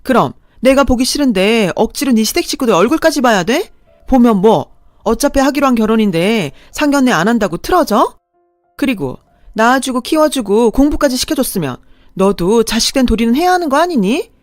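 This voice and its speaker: A woman voicing an aging mother who nags and scolds her daughter in a sharp, raised voice. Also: on the high side, animated, brisk, dry recording, clean studio sound, soft background music, lightly acted. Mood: scolding. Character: aging mother, shrill, scolding and self-pitying.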